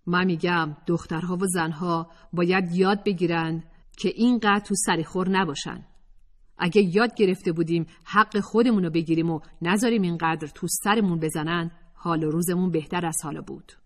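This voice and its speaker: Brief: a woman doing a firm, assertive student activist, husky, low voice. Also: fairly even intonation, big-room sound, lightly acted.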